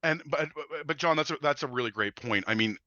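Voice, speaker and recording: A man's voice: fairly high pitch, a little fast, bright, forceful tone, dry recording. A man co-hosting a webinar in casual, enthusiastic explanatory talk, often restarting his phrases. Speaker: webinar co-host. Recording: slightly dull lo-fi sound, dry.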